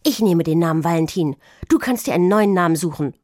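A woman voicing a bossy, bratty schoolgirl ringleader in a children's audio story, shrill and domineering. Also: moderate pace, a little mellow, no echo, studio quality, lightly acted.

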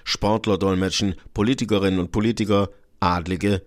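A man's voice: sits low, steady tone, a little fast. A man reading scripted narration as a radio reporter.

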